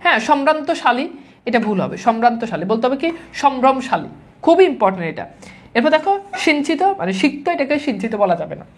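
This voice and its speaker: A woman teaching grammar, rattling through corrections at speed. Her voice sits fairly high, and she repeats each wrong and right form like a classroom drill. English words slip into her lecture now and then. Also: animated. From Bangladesh. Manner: brisk and repetitive, drilling wrong and right forms; mixes English words into speech. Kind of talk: classroom-style lecture to exam students.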